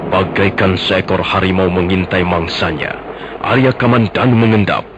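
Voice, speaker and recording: A man narrating a scripted radio drama with measured, dramatic storytelling. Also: low-pitched, steady tone, noisy background. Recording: dull lo-fi radio recording. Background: prominent music.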